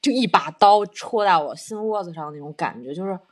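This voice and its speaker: A woman's voice: on the low side, expressive, fairly quick. A woman telling a personal story in casual conversation, earnest and self-reflective, explaining her feelings at length.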